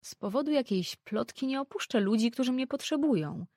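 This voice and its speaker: A woman doing a brisk, guarded young priestess. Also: a little high, expressive, mellow, no echo, studio quality, voice pushed up. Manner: brisk, matter-of-fact.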